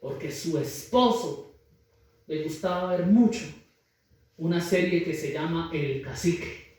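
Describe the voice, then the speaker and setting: A man preaching a sermon in an animated way, acting out the voices of the people in his stories. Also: fairly high pitch, measured pace. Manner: animated, acts out quoted voices. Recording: echoey hall, distant mic, faint noise.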